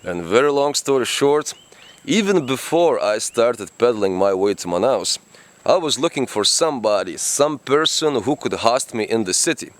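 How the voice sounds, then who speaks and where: A man's voice: medium pitch, animated, normal speed. A man narrating a travel vlog in a chatty way, with slightly non-native phrasing. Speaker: travel vlogger. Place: outdoors in the rainforest.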